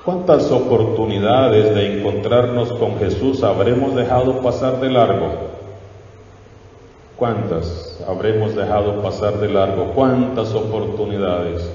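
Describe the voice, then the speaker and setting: Slow, deep-voiced priest in echoing church. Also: male voice, mellow. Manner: exhorting, asks the congregation questions. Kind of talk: sermon. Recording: echoey church from far off, dull lo-fi.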